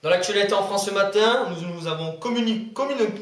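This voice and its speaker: A man's voice: high voice, brisk, a bit bright. A man playing a self-important TV news anchor in a comedy sketch, who stumbles over words and corrects himself. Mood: pompous. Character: pompous bumbling male TV news anchor. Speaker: news presenter. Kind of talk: amateur comedy sketch acting. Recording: echoey room.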